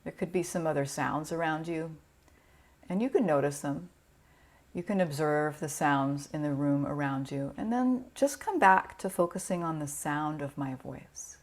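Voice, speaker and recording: A low-voiced woman leads a yoga nidra relaxation meditation. She guides gently and soothingly, taking her time and leaving pauses.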